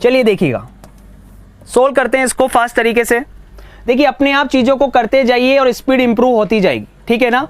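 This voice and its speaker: A man teaching reasoning in a live exam-prep class, brisk and coaxing, mixing Hindi with English. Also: extremely high pitch, dry recording.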